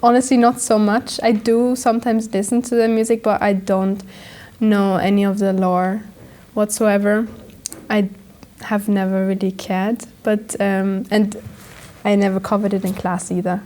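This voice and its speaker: Flat halting young woman from Austria. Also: mid-range voice. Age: young adult. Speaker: interviewee.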